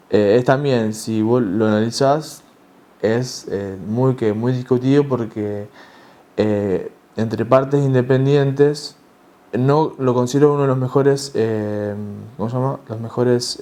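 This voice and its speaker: A man giving a tax lecture, talking in a halting way with many fillers and restarts. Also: mid-range voice, warm tone. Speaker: tax instructor.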